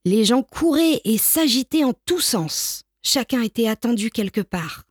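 A woman reading a children's picture book aloud in a gentle, expressive way. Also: a little high, unhurried, noisy background. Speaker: storyteller. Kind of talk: children's storybook read-aloud.

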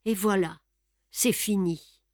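Lupin, a woman doing a swaggering gentleman thief. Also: fairly high pitch, lively intonation, takes it slowly, no echo, clean studio sound. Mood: hushed tender. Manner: grandiose, boastful, then hushed and tender. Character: suave proud male gentleman thief. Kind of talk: audiobook reading.

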